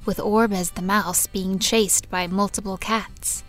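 A woman's voice: medium pitch, fairly even intonation, unhurried, soft background music, close to an everyday voice. A woman playing the storyteller of a space adventure in scripted audio drama narration. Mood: reflective.

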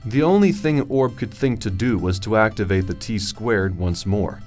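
A man playing a calm, decisive space-adventure hero and storyteller in an audio drama, measured and matter-of-fact. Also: on the low side, faint music behind, close to an everyday voice. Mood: storytelling. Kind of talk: scripted narration and audio drama acting.

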